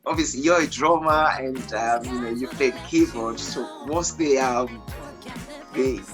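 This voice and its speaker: A woman hosting a radio interview in a casual, bubbly way, laughing often and pausing on fillers. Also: very deep voice, music in the background. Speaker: radio show host.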